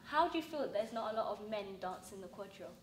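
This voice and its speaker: A woman interviewer puts friendly questions to her guests and laughs easily. Her voice is mid-pitched. It comes from off-mic in a roomy studio, with a steady hiss. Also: quick pace. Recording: roomy and distant, with audible hiss.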